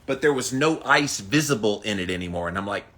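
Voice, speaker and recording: A man with a lowish, fairly bright voice talks animatedly and fairly quickly as he hosts a daily ice bath challenge livestream. His delivery is emphatic and punchy while he chats casually and greets viewers by name.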